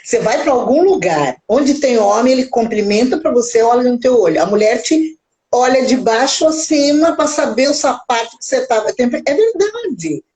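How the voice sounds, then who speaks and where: A woman co-hosting a live talk show, telling animated stories and laughing often in casual chat. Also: on the high side, moderate pace, poor audio. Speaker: co-host.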